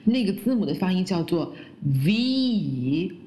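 A woman who speaks Chinese as her first language, teaching English pronunciation and slowly repeating the English words she models. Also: fairly low pitch, animated, mellow. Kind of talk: pronunciation lesson.

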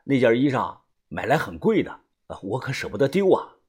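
A man's voice: mid-range voice, sing-song, moderate pace, a little mellow, slightly rough. A man voicing a nervous hired guide in an audiobook, stammering and full of hesitations. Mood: anxious. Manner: stammering with many fillers.

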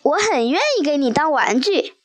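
A woman's voice: high-pitched, expressive, normal speed. A woman voicing a small, clever cat in a storybook reading, flustered and pleading. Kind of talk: storybook character voice.

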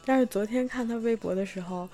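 A young woman from Tianjin, chatting through a personal story with many fillers and restarts, sometimes bursting with excitement. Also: a little high, brisk, soft background music. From Tianjin, China. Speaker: vlogger telling a personal story. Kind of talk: casual storytelling monologue.

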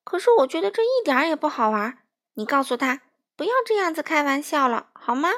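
A woman voicing an excitable young duck in a children's storybook reading, in a high, loud and squealing voice. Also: normal speed, natural voice. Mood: indignant.

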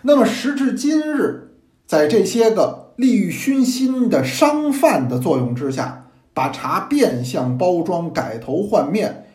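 A man tells an old tale like a traditional storyteller, his voice jumping up and down with lively turns. His voice sits a bit high, and he teases the listener with playful asides. The sound carries the echo of a room. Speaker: teacher and storyteller. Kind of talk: storytelling in traditional narration style. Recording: echoey room.

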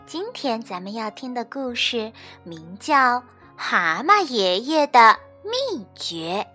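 Woman telling a children's bedtime story, very high and animated, slow, faint music behind. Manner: gentle, expressive reading to children.

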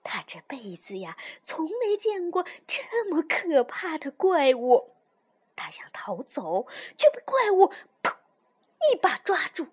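Slow expressive storytelling woman. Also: high voice. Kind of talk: children's storybook reading.

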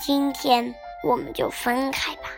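A woman voicing a grown male tyrannosaurus father, gruff yet tender, who speaks low and hushed, in a children's storybook. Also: flat delivery, measured pace, music in the background. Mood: gentle.

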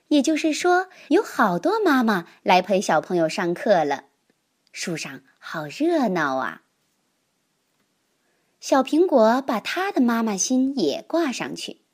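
A woman reading a children's picture book aloud in an expressive, lively manner. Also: on the high side, husky. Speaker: storyteller.

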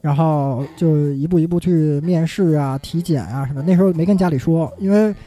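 A man's voice: on the high side, a little fast, warm tone. A man with a Beijing accent, casually telling stories in colloquial speech as an interview guest. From Beijing, China. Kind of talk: casual conversational storytelling. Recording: faint music behind. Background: faint music.

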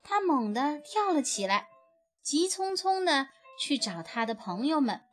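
A woman reading a children's picture book aloud in an expressive storytelling manner. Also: high voice, unhurried, soft background music.

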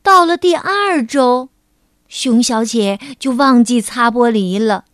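A woman teacher narrating a children's picture book in a gentle, measured storytelling manner. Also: on the high side, no room sound, studio quality.

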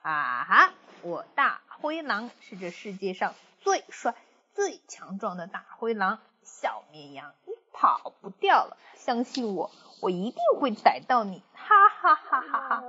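Lady doing a hungry show-off grey wolf, loud groans, kinda muffled recording. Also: mid-range voice, sing-song, unhurried, husky, heavily acted. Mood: gloating. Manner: groaning and sneezing, bragging. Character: boastful hungry male big grey wolf, hapless.

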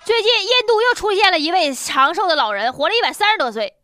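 A woman's voice: very high voice, expressive, fast, music in the background. A woman with a Northeastern Chinese accent hosting humorous news commentary in a blunt, mocking, colloquial way. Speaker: comedic news show host.

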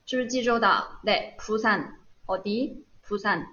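Woman, patient teacher, mid-pitched voice, slightly dull audio. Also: normal speed, bright, forceful tone. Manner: patient, asks and answers her own questions. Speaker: Korean language teacher. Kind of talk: online live lesson.

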